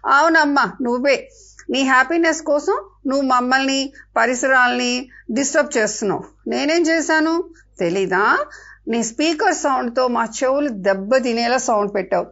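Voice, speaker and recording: A woman's voice: high voice, normal speed, fairly bright tone. A woman voicing a grumpy garden animal who talks back in an accusing, indignant way. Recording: dull lo-fi with faint music.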